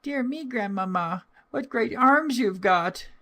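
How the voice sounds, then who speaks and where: Man doing a high-pitched innocent little girl. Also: expressive, takes it slowly, bright, forceful tone, exaggerated voice. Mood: wide-eyed wonder. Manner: naive, polite, wondering.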